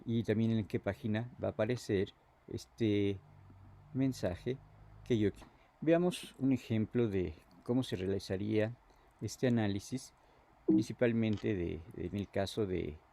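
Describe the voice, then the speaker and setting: A man giving a lecture as a teacher, halting and repeating words, often filling pauses with "este". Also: lowish voice, gravelly, mellow.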